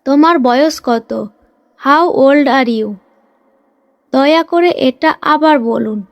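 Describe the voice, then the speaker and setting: Brief: high-voiced woman teacher, drilling short phrases in a dry close recording. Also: no room sound. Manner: reads each Bengali phrase briskly, then says the English slowly twice. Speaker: English teacher.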